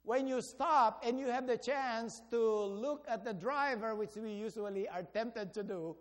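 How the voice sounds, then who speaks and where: A male pastor preaching a sermon in a conversational way, often asking the congregation rhetorical questions. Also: very high-pitched. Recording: long hall reverb.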